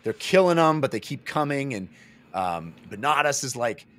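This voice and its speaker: Speaking at a moderate pace in a mid-range voice, a fortysomething book club podcast host jokes his way through a casual novel recap, animatedly performing bits of the story and the characters' lines. He sits close to a boom-arm studio mic in a small indoor home studio.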